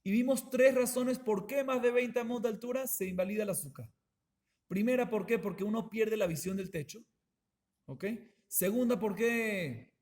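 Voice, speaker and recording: Man, fairly high voice, rabbi's Talmud lesson, repeats himself, rhetorical questions. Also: moderate pace, darkish tone. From Colombia. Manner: explanatory, repeats and rephrases, asks the class rhetorical questions. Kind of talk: Talmud class explanation.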